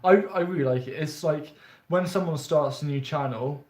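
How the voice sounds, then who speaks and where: A man's voice: fairly high pitch, moderate pace, darkish tone, echoey room. A young man hosting a casual live-stream chat, chatty and rambling with lots of enthusiasm. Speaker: host.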